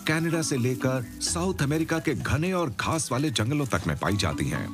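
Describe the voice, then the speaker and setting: A man narrating a nature documentary from a script, with a measured, explanatory storytelling delivery. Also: medium pitch, sing-song, over music.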